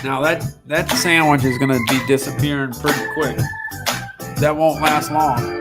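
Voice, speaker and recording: A man's voice: a little high, steady tone, moderate pace, loud music behind the voice. A man hosting a live sales stream, talking casually in a rambling way with restarts. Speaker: online sales show host.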